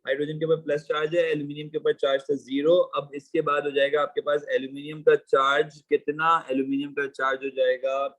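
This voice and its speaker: A man teaching chemistry in a live online class, reading exam questions slowly and then explaining in quick, chatty Hindi and English, often calling students "bhai". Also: on the high side, level tone, a bit bright, poor audio.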